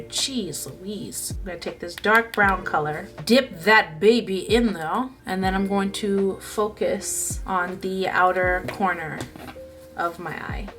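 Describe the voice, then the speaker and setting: A woman chatting playfully through a makeup tutorial, joking to herself as she works. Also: fairly low pitch. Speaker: beauty vlogger. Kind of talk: casual makeup tutorial chat.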